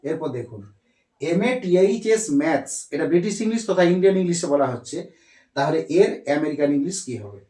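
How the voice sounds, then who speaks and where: A man teaching English vocabulary, speaking slowly, repeating himself and spelling words letter by letter. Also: fairly high pitch, sing-song, mellow. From India. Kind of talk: explaining lesson on a board. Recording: echoey room.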